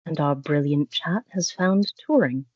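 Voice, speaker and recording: A low-voiced woman talks through puzzle solutions slowly and analytically on a video call. Her voice sounds dry and close. The audio is dull and lo-fi. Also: a little mellow, breathy edge, no echo. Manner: measured and analytical. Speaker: session participant.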